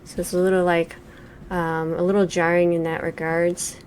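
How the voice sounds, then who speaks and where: She's in her forties and reviews games, here giving casual let's play commentary that's thoughtful yet loaded with ums and likes. The voice is lowish, level and a little mellow, moving at a moderate pace over slight background noise.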